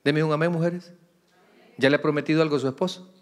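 Middle-aged pastor preaching in a hall. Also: male voice, a little high, steady tone, quick pace. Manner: conversational preaching with humorous asides to the congregation. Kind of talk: sermon. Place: church sanctuary.

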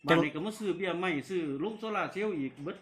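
A man's voice: high voice, racing, a bit bright. A man with a northeastern Thai Isan accent chatting casually as a customer. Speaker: customer buying frogs. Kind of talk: casual chat.

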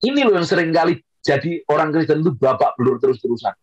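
A man preaching an online sermon, joking and swinging his pitch up and down for emphasis. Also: expressive, fast talker, husky, no echo, highs cut off.

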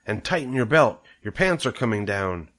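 A man's voice: on the low side, big pitch swings, moderate pace, fairly bright tone. Storybook farm wife, man acting: fussy, anxious, fretful, self-conscious. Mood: nagging. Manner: fretful, fussing.

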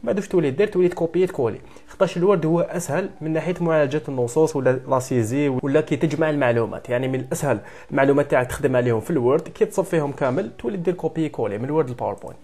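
A man with an Algerian Arabic accent giving a software tutorial, briskly mixing French computer terms into his speech. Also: on the high side, slightly rough. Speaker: software instructor. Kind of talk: screen-recorded tutorial.

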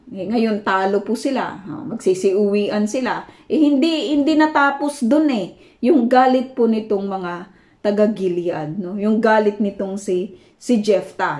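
A woman from the Philippines giving a conversational Bible study talk, full of fillers and tag questions and mixing in English words. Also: medium pitch. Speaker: Bible teacher.

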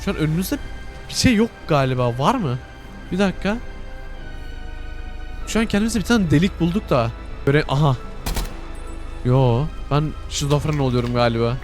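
A man's voice: a little high, animated, moderate pace, long pauses, darkish tone, soft background music. A young man giving scared, jumpy commentary while playing a game, talking to his viewers. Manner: jumpy, scared, addresses viewers, frequent exclamations. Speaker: gaming YouTuber. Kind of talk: live gameplay commentary.

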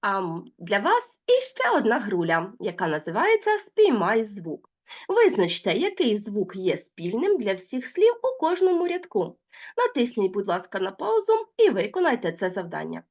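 A woman teacher giving an online school lesson to children, talking straight to the pupils and drawing out the example words slowly. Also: medium pitch. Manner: lively, addresses pupils directly, drawn-out example words.

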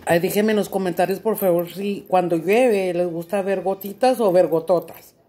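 In a warm, lowish voice at normal speed, a middle-aged woman with a Mexican accent chats to her home audience as a vlogger. She swaps between English and Spanish freely, using crude slang and laughing plenty.

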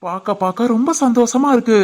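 A woman voicing a doting middle-aged husband and father in an animated family story, with a southern Tamil Nadu accent and a playful, flirting manner. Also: fairly high pitch, brisk, close to an everyday voice. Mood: proud.

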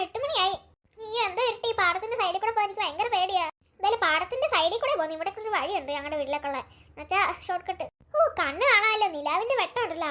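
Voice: extremely high pitch, pushed and bright. A voice actor playing two young girls in a cartoon, frightened and chattering as they walk home. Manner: fearful, chattering.

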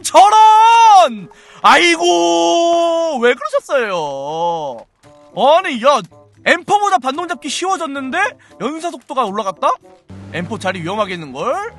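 A young man streaming a shooter game, commenting excitedly, exclaiming often and imitating gunfire sounds out loud. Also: very high-pitched. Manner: playful, mimics gunfire sounds, frequent exclamations.

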